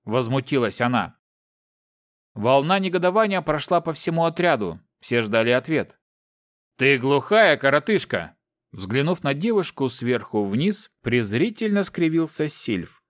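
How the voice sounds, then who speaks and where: A man narrating an audiobook with expressive storytelling. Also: mid-range voice, moderate pace, no echo. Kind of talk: scripted narration.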